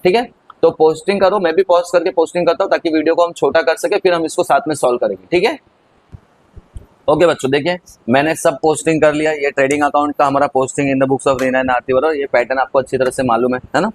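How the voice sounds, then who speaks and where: A man gives an accounting lesson at a rapid clip, his voice sitting a little high for a man. He chats straight to his students and calls them kids as he works through each step. He keeps the talk easy and familiar. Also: fairly even intonation, low-quality recording. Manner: chatty, addresses students as kids. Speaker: teacher. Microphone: recorded over on-screen writing.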